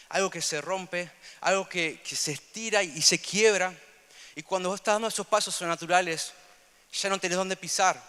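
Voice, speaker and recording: A young man with a Rioplatense Spanish accent preaching a sermon, earnest and repetitive, moving between loud emphasis and soft asides. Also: sits high, clear, resonant tone. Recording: long hall reverb.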